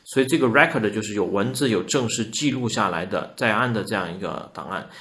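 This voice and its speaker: A man's voice: lowish voice, fairly quick, bright, forceful tone. A man teaching an online English lesson, patiently explaining and asking his students rhetorical questions. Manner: patient, repeats points, asks the class rhetorical questions.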